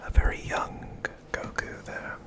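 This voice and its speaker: An ASMR presenter talks through a show-and-tell without a script. Everything comes out as an airy, unvoiced whisper, quiet and unrushed.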